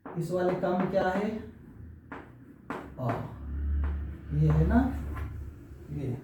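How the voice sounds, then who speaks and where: A man's voice: sits high, animated, extremely slow, background noise. A man teaching a Hindi grammar class, repeating key terms and asking and answering his own questions. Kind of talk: classroom lesson. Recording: very echoey room, far from mic.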